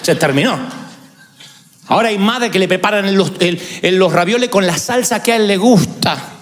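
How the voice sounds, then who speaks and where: A man pastor, preaching a sermon with animated, humorous storytelling and mimicked voices. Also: high-pitched, normal speed, a little hiss or hum.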